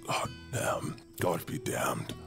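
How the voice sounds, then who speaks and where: A man voicing a grieving king fearing for his dying daughter, in a rough, emotional delivery. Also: slow, close to an everyday voice. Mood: anguished. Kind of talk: audio drama acting. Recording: music bed underneath.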